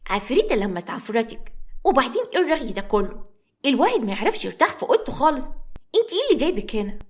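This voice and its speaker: A woman's voice: high voice, big pitch swings, rapid-fire. A woman doing a sassy bossy little girl. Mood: irritated.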